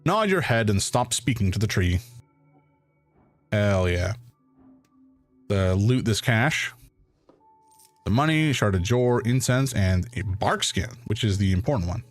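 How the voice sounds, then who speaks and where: A man streaming a fantasy role-playing game, reading its text aloud with playful, excitable commentary. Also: on the low side, moderate pace, faint music behind.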